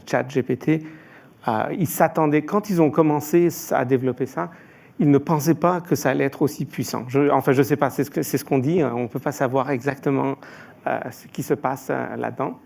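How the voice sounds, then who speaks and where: A man's voice: medium pitch, gravelly, darkish tone. A man from Iran answering as an expert panelist, hesitant, with frequent filler sounds and restarts.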